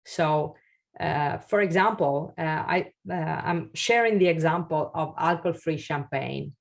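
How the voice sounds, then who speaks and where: Low-pitched with vocal fry and a slightly slow delivery, this Italian-native woman gives a webinar presentation to founders and handles Q&A over a video call. She comes across as hesitant, with lots of fillers and restarts.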